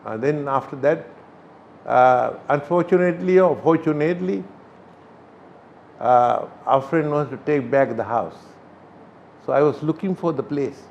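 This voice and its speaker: An older man from Sri Lanka, a Buddhist chief priest, answering interview questions in a halting way with many pauses. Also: on the high side, gravelly, a little mellow, a little hiss or hum. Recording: slightly dull recording.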